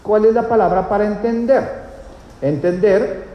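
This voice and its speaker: A man's voice: sits high, unhurried, lo-fi sound. A male pastor, teaching a sermon and often checking with the congregation. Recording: echoey church hall, faint noise.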